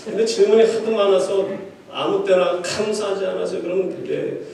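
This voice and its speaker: A male pastor with a high, gravelly voice delivers a sermon in a chatty way, throwing quips at his congregation. He sits well back from the mic, and a big echo fills the church around him. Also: moderate pace, background noise. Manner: conversational preaching with quips to the congregation. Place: church sanctuary. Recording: echoey hall, distant mic.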